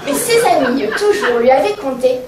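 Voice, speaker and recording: A woman's voice: high voice, big pitch swings, moderate pace, a crowd in the background, noisy background. A woman comedian reciting a rhyming comic tale on stage in a sing-song, mock-innocent manner. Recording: echoey stage sound from far off.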